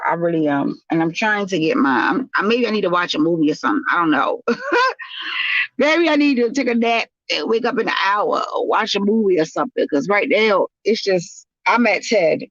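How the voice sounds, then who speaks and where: A woman's voice: lowish voice, fairly bright tone, dry recording, muffled recording. Frazzled woman venting from her car. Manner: frazzled, sighing, talks out her stress. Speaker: vlogger and small business owner. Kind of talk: casual venting vlog. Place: inside a car.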